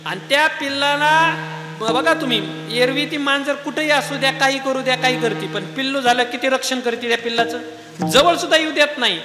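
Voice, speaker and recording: A man's voice: extremely high pitch, fairly quick. A man preaching a devotional sermon, quizzing his listeners with rhetorical questions and breaking into sung verses. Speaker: kirtan preacher. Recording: echoey hall with music.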